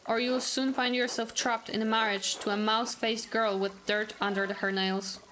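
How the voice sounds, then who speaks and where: A woman's voice: on the high side, flat delivery, moderate pace, fairly bright tone, slight background noise, close to an everyday voice. A woman reading a snobbish male village doctor. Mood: disdainful. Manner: haughty, snobbish, reading game dialogue aloud.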